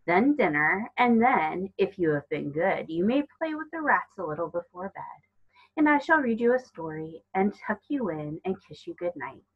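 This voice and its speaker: Sinister fairy-tale false mother, played by a female reader: sugary, controlling, condescending, husky edge, dull recording. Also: fairly low pitch, animated, normal speed. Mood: chiding. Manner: sugary, coaxing, politely condescending. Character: sinister button-eyed other mother, sweetly controlling creature.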